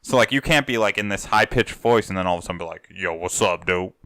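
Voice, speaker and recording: Bright-toned joking male podcast co-host. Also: on the low side, very fast, clean tone, no echo. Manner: joking, swears casually. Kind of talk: casual gaming podcast chat.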